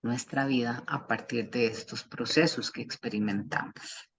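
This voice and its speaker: A psychologist leading a grief support session over a video call, talking in a folksy way with homely images and diminutives. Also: female voice, rumbling low, steady tone, a little slow, a little hiss or hum. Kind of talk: warm group facilitation. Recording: muffled video call audio.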